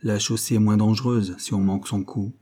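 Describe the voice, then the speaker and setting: A man's voice: fairly low pitch, fairly even intonation, fairly quick, dark tone, breathy edge. A man reading an audiobook, voicing a shrewd, sly Parisian cab driver who turns knowing and conspiratorial.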